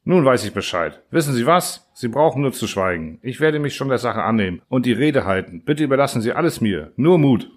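A man reading an audiobook and voicing a huge male alien diplomat who is impatient and condescending, with brisk questions that rise sharply. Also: medium pitch, animated, natural voice. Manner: brisk, lofty and faintly disdainful, questions rising sharply. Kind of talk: audiobook character voice.

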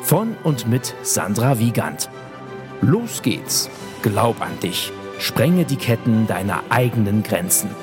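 A man delivering a podcast intro as booming, emphatic motivational speech. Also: very animated, slow pace, music in the background.

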